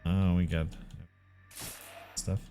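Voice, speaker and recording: A man's voice: low-pitched, little pitch movement, very slow, warm tone. A laid-back man casually commenting while playing a video game, chatty and swearing freely. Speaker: gaming channel host. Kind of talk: casual let's-play commentary. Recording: commentary over game audio with faint music.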